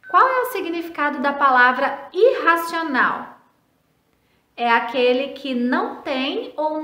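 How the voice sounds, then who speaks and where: A woman's voice: high voice, pushed and bright, echoey room. A Brazilian woman teacher giving a recorded lesson to children, speaking patiently, spelling out letters and syllables and answering her own questions. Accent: Brazilian Portuguese. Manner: asks questions and answers them herself.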